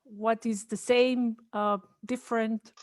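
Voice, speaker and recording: A woman's voice: a little high, level tone, slow pace, dry recording, studio quality. A woman from Bosnia, not an English speaker, hosting an interview show and asking questions casually with affirming hums. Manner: friendly, frequent affirming hums. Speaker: host.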